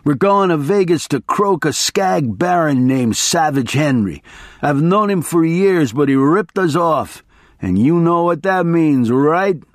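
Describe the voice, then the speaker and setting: A man's voice: a little high, unhurried, no room sound, clean studio sound, pitched above the performer's own voice. A man voicing a raving, frantic attorney. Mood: manic shouting. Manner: shouting, wild and excitable. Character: manic adult male attorney, frantic and raving.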